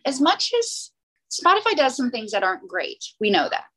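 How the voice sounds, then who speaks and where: A woman from the southern United States co-hosts a podcast, chatting casually in a talkative, rambling way and laughing quickly and easily. Her fairly high voice is very animated, sharp and slightly rough.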